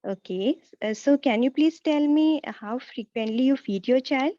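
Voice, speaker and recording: A woman speaking as a nurse in a practice role-play, reassuring and polite, with a halting, hesitant delivery. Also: high-pitched, mellow, no room sound. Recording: slightly dull, lo-fi audio.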